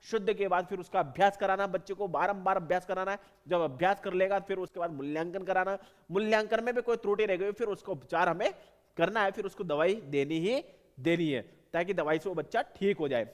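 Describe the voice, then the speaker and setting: High-voiced male teacher, echoing room. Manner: repetitive, explanatory, stresses points by listing. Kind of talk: exam-prep lecture.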